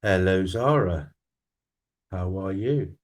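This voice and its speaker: A man's voice: sits low, slow pace. Man greeting live stream viewers. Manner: friendly greetings to viewers by name. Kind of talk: casual chat with live chat viewers.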